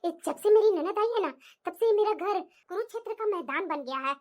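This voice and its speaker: Cartoon figure: a fed-up, indignant young daughter-in-law, voiced by a woman, very high-pitched. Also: expressive, fairly quick. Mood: complaining. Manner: indignant, complaining. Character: wronged young wife, fed up.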